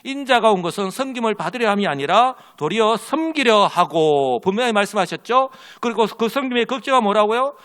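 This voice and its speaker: A man's voice: high-pitched, animated, fairly quick, hardly any pauses, fairly bright tone. A man preaching a sermon as pastor, telling a story and leading the congregation in call and response. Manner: tells an illustrative story with quoted characters.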